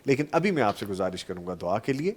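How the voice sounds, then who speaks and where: A man's voice: fairly low pitch, sing-song, darkish tone. A man hosting a live religious talk show and taking phone calls, with polite, formulaic customer-service courtesy toward those he addresses. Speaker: host of a live religious TV transmission.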